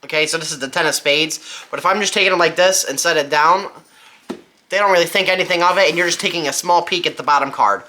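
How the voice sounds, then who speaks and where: Bright-voiced casual magic tutorial presenter, noisy recording. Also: mid-range voice, fast talker. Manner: informal, thinking aloud while counting and handling props. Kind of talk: casual step-by-step demonstration.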